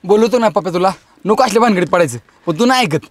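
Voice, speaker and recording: A man's voice: sits high, animated, very fast, no echo. An actor playing Kisu, a sly young village man who dodges questions and bosses his friend around.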